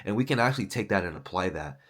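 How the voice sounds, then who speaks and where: A man's voice: low voice, animated, quick pace, slightly rough. A man who is an author and podcaster, talking through his thoughts in a loose, rambling monologue, swearing often and saying "like" and "dude". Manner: loose, profane, full of fillers like "like" and "dude".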